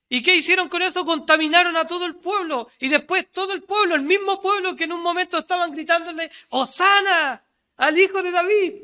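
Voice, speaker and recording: A male preacher with a Chilean Spanish accent delivering a sermon, asking rhetorical questions, answering them himself, and reading scripture aloud. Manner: voice rises loud and high when quoting the crowd, drops low and quiet on asides.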